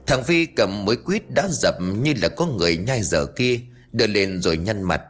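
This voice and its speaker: A man narrating a ghost story as an audiobook, expressive and voicing every character himself. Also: lowish voice, moderate pace, soft background music. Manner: expressive, does all character voices.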